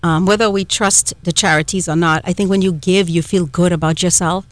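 Here a middle-aged woman from Trinidad, accent clearly Trinidadian, co-hosts radio in a chatty, rambling way, telling warm stories with many fillers and restarts. She speaks fairly quickly in a lowish voice with a steady tone, keeping it casual.

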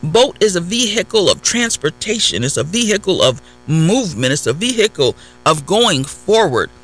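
Man preaching slow, high and swooping voice, reads a verse then retells it, faint music behind. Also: very animated, fairly bright tone, poor audio. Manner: reads verses then retells them in plain words, repeating phrases. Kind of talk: sermon with scripture reading.

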